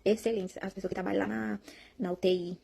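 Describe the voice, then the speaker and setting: Her voice is mid-range, warm, and flat, with vocal fry, and she talks fast as a young Brazilian vlogger recounting a personal testimony. The story wanders emotionally, words get repeated, and she speaks straight to her viewers in a Brazilian Portuguese accent against slight background noise.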